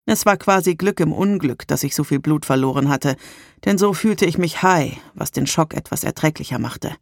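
A narrator reading a German first-person audiobook in a calm, measured storytelling manner. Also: mid-range voice, gravelly, no room sound, clean studio sound.

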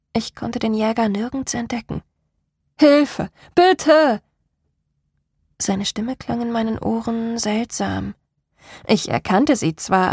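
A woman reading a first-person story aloud in a steady, even storytelling delivery. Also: medium pitch, gravelly, slightly rough, no echo, clean studio sound. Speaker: audiobook narrator. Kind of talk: first-person scripted narration.

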